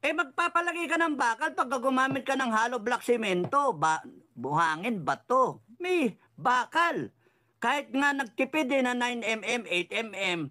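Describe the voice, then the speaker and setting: A man's voice: high-pitched, sharp tone. Heated, swearing man ranting about politics. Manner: angry, sarcastic, swearing, mixes in English phrases. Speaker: political commentator.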